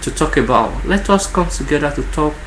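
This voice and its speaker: A man's voice: fairly high pitch, expressive, brisk, a bit bright. A man with a Nigerian accent speaking earnestly and informally to viewers, often repeating words and phrases for emphasis. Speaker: online channel host. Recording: echoey room with faint background noise.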